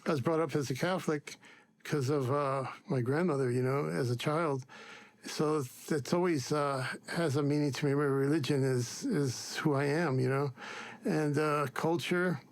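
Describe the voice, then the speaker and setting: A man in a casual interview, speaking hesitantly and from the heart with many pauses. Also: a little high, fairly even intonation.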